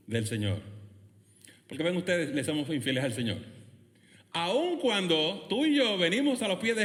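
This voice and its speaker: A man preaching a sermon as pastor, with impassioned delivery that moves between hushed low passages and loud, high outbursts. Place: church service in a school building. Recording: reverberant church hall.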